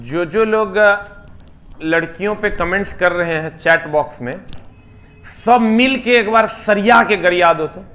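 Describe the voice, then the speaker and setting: A man's voice: high voice, a little slow, bright, forceful tone. A man teaching a live online class, chatty and teasing, firing rhetorical questions at students.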